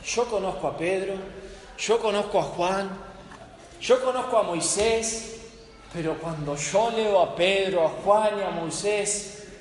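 A man preaching a sermon, telling stories dramatically and slowing down with weighty pauses for emphasis. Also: high-pitched. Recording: echoey hall with faint noise.

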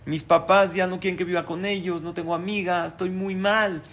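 A man's voice: high voice, fairly even intonation, normal speed, a bit bright. A man voicing a lonely, desperate woman in her thirties, complaining in a raised voice.

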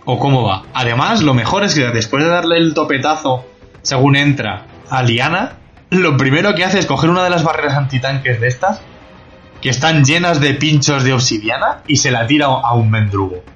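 A man's voice: mid-range voice, moderate pace, fairly bright tone. A man, a podcast host, ranting angrily and profanely about a TV episode in a slightly dull lo-fi recording with faint music. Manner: angry, profane, incredulous ranting. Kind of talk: ranting TV review.

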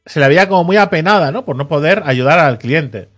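A man's voice: fairly high pitch, animated, brisk, fairly bright tone, faint music behind. A man hosting a podcast, telling a story in casual chat, acting out the people he quotes with a teasing edge.

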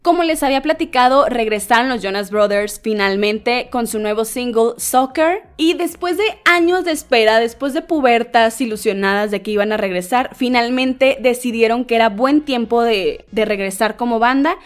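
Chatty Mexican woman, bright higher voice. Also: normal speed, few pauses, smooth. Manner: animated, slangy, acts out quotes in other voices. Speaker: vlogger host. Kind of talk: casual storytelling and chatty entertainment news.

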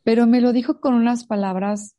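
A middle-aged woman, chatting casually as a co-host and telling an animated story, acting out the voices in it. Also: fairly high pitch, brisk, no room sound, clean studio sound. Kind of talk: casual chat.

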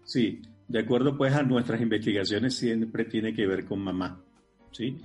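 A Venezuelan man hosting an interview and asking measured, courteous questions. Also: fairly low pitch, a little mellow, faint music behind. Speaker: host.

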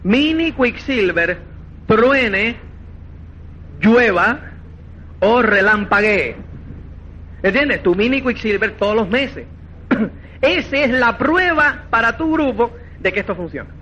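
A man giving a motivational network marketing seminar, animated and acting out quoted dialogue, repeatedly checking that listeners follow. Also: extremely high pitch, slow, long pauses, a little hiss or hum, low-quality recording. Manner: animated, acts out quoted dialogue, keeps asking "¿me entiendes?".

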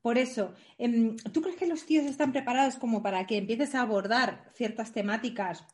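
A woman's voice: on the high side, a little fast, darkish tone. A woman in her thirties co-hosting a casual chat, bawdy and joking, laughing often. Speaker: podcast co-host.

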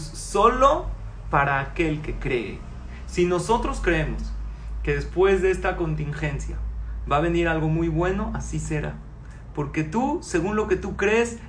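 A man in his forties giving a religious class to a live audience, animated and firing rhetorical questions at the listeners. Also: on the high side, reverberant, a little hiss or hum. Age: 40s. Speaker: Torah teacher.

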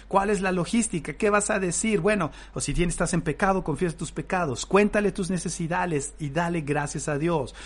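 A man's voice: sits high, moderate pace, few pauses. A man with a Mexican Spanish accent, a pastor teaching a live-streamed Bible lesson, who reads verses aloud and breaks into fervent praise between them.

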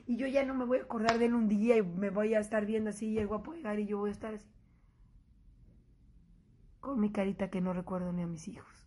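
Animated high-voiced Mexican woman vlogger. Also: slightly rough. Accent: Mexican Spanish. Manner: animated, swearing, laughing through her story; acts out quoted voices. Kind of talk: casual storytelling to viewers.

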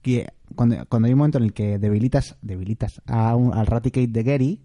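A man's voice: mid-range voice, brisk, warm tone, no echo. A man chatting casually on a podcast, telling stories and acting out quoted dialogue. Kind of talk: casual chat.

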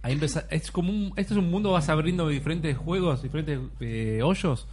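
A man's voice: on the high side, fairly quick, darkish tone. A young man with an Argentine Spanish accent, eagerly explaining a video game to friends in casual chat. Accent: Rioplatense Spanish. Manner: eager, explaining with many restarts. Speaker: panelist showing a game.

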